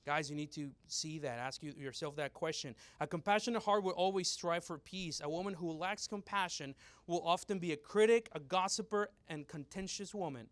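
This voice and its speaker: Animated bilingual young man preaching. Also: fairly high pitch, normal speed. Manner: switches between English and Spanish, animated mimicry of loud women. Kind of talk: bilingual church teaching, storytelling.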